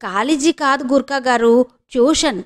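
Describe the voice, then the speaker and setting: A woman voicing a stubborn, scheming young woman with a sharp, taunting way of talking. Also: sits high, moderate pace, lightly acted. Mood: feigned fear.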